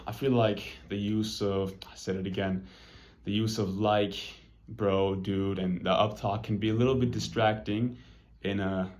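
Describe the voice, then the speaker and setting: Laid-back young man. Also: fairly low pitch. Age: young adult. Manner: laid-back, with frequent "like" and "you know". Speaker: student presenter. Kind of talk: casual class presentation.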